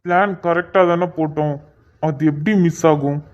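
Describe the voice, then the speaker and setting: A woman's voice: low voice, steady tone, moderate pace, a little mellow, muffled recording, voice pushed down, close to an everyday voice. A woman voicing an impatient young man in a cartoon, demanding answers about a plot he set up. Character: scheming young man plotting a harm. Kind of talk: cartoon voice acting.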